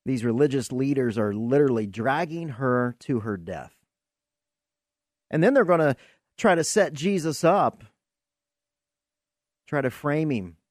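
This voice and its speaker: Slow, earnest man preaching on a podcast. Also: medium pitch, lively intonation, no room sound, clean studio sound. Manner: earnest, asks rhetorical questions, repeats words as he searches. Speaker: podcast host and Bible teacher. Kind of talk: preaching-style Q&A teaching.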